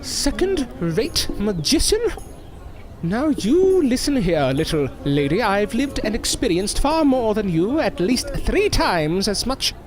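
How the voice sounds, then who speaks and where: In an audio drama, a male actor voices a proud, easily wounded older stage magician with wordy, formal, theatrical diction. His high, exaggerated voice swings widely in pitch at a slow pace, sounding indignant.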